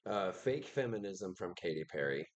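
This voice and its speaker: A man with a fairly low voice co-hosting a casual podcast. He is blunt and outspoken, with crude jokes thrown into the conversation. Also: lively intonation, moderate pace, dull audio. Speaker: podcast co-host. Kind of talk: casual chat.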